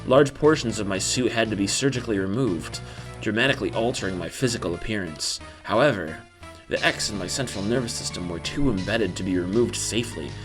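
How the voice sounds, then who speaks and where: Solemn space bounty hunter heroine, read by a man, low pitch, stilted amateur delivery, faint music. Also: brisk, close to an everyday voice. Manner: amateur dramatic reading, stilted bad acting. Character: solemn female space bounty hunter recounting her past. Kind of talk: game story narration.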